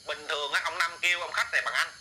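A man's voice: fairly high pitch, fast talker, sharp tone, a little hiss or hum, low-quality recording. Rambling man telling ghost stories. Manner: rambling with many repeated words, addresses listeners directly. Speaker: ghost story vlogger. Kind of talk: casual oral storytelling.

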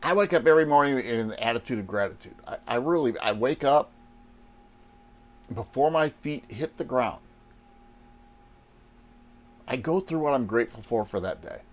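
A man's voice: medium pitch, expressive, moderate pace, long pauses. A man, giving a folksy motivational talk to camera inside a small RV trailer. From Wisconsin, United States. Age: 60s. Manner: folksy, asks and answers rhetorical questions. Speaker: online business coach.

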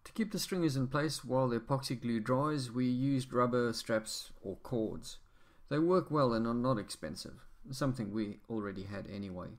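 A man narrating a home boatbuilding project as an instructional voice-over, explaining steps in a measured, practical way. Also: mid-range voice. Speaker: amateur boatbuilder.

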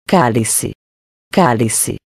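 A woman's voice: a bass voice, animated, very slow, a little mellow, no echo, clean studio sound, voice pushed down, full character voice. A woman reading an audiobook, voicing a proud, hot-tempered young woman who talks with scorn. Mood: furious. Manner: scornful, snapping.

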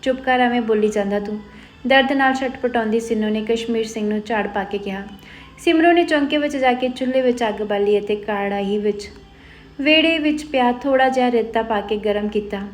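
A woman narrating a story in a steady storytelling manner. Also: on the high side, fairly quick.

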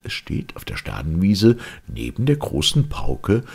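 The children's fairy tale is read by a man whose husky, gravelly voice sits low. As an audiobook reader, he tells it expressively and at a measured pace.

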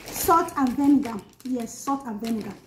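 High-pitched woman musing while crunching chips. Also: animated, moderate pace. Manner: musing aloud while crunching chips, murmuring mm and hmm between phrases. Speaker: snack reviewer. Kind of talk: casual food-tasting vlog. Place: small bare indoor room. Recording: echoey room, clear background noise, crinkling packets. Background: crinkling chip bags, crunching, noise.

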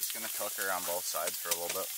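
Low-voiced young man in a noisy tent. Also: racing. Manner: excited, worn-out outdoorsman talking to camera. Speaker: fishing vlogger. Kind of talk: casual vlog narration. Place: inside a tipi hot tent in a forest. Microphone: handheld camera. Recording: noisy outdoor camera audio with sizzling pan.

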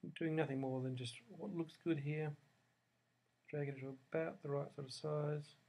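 A man talking through a software screen recording step by step, thinking aloud as he goes, recorded at his desk. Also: on the high side, steady tone, moderate pace, gravelly. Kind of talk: screencast tutorial narration.

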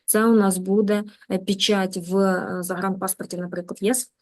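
Woman, English teacher, Ukrainian accent, lively, coaxing, drills pronunciation. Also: medium pitch, moderate pace. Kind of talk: live online lesson.

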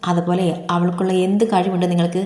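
A woman's voice: fairly low pitch, level tone, quick pace, mellow, natural voice. A woman voicing a fierce young woman who bluntly scolds and protects her friend, in a story reading. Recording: echoey reverberant room.

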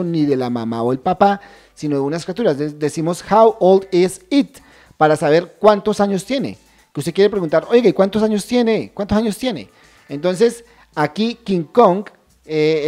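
A woman teaching English over a shared screen, checking in often with her viewers and saying English phrases slowly and deliberately. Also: on the low side, mellow. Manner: addresses viewers as a group, checks understanding often. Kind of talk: screen-share language lesson.

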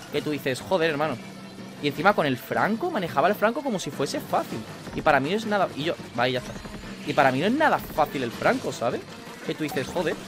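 A young man with a Spanish accent from Spain, chatting casually while playing a video game, excitable and swearing at the game. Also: fairly high pitch. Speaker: gaming YouTuber. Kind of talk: casual gameplay commentary. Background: video game music.

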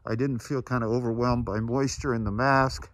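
A man giving a casual, chatty product review through a face mask, often pausing on fillers. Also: medium pitch, no room sound. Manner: relaxed, chatty, halting with fillers. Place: outdoors at high altitude.

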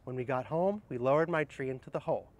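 Under the trees of an arboretum garden, a middle-aged horticulturist reads picture books aloud and casually recommends children's books, explaining things gently and speaking straight to viewers. His voice is mid-range and his pace fast.

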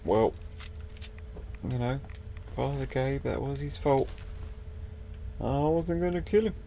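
A man's voice: medium pitch, takes it slowly, vocal fry, background noise. A young man chatting casually through a let's-play, swearing mildly and talking to the game's characters. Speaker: gaming video host.

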